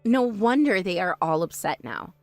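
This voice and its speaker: A woman voicing a calm, sharp-tongued young woman in an animated story, speaking firmly and with dry exasperation. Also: medium pitch, normal speed, no echo, soft background music.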